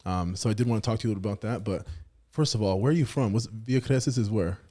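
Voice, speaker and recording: A man's voice: fairly low pitch, fast talker, dark tone. A man hosting a podcast in a studio, upbeat and loose in casual interview chat, swearing now and then. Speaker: podcast host, real estate team lead.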